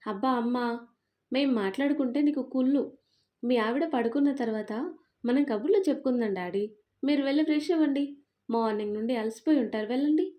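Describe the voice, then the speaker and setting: A woman's voice: a little high, fairly quick, warm tone, lightly acted. A woman voicing a playful, pampered young daughter who teases in a whiny, affectionate way. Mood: whiny teasing.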